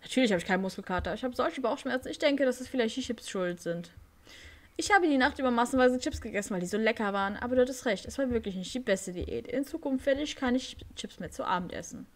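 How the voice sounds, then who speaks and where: A woman's voice: a little high, lively intonation, quick pace, voice pushed up, natural voice. A woman voicing Ricky, a nervous young male rider in a horse game, reading his lines aloud with small slips.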